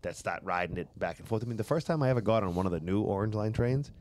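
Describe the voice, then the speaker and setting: A man's voice: fairly low pitch, lively intonation, quick pace, a little mellow. A man telling jokey, profane stories in a casual podcast chat, with faint noise behind him. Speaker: podcast guest.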